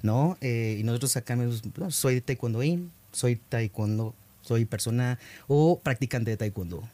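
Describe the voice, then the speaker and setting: Casting: middle-aged male guest, modest and friendly, mid-pitched, dry close sound. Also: a little slow, no room sound. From Mexico. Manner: warm and modest, many fillers and rephrasings. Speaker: guest, former athlete. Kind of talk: conversational interview answers.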